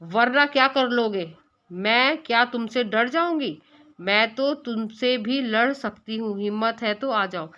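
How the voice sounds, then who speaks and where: A cocky little female fly from a children's storybook, taunting and defiant, as a woman teacher acts her out. The voice sits a bit high and comes out louder and slower. It dares the listener. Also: muffled recording, lightly acted. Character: boastful cheeky female fly.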